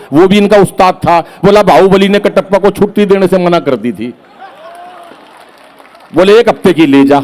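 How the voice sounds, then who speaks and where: A man performing comic poetry on stage, telling stories with acted-out quotes and loud punchlines. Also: high-pitched. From Haryana. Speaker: stand-up poet.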